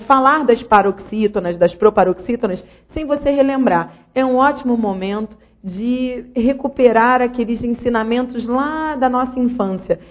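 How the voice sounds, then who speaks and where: A woman teaching a grammar lesson in a patient, explanatory way, often pausing to check that the student follows. Her voice sits at a middle pitch, and the recording sounds a little dull and lo-fi. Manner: didactic, addresses student directly with check-ins.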